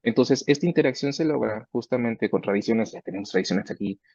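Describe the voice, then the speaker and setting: A man of middle pitch explains how he mentors his research students, slipping into the voices of both sides of their talks. The sound is dry and a little dull. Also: expressive, brisk, darkish tone, no echo. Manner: conversational, acts out student dialogues. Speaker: research professor.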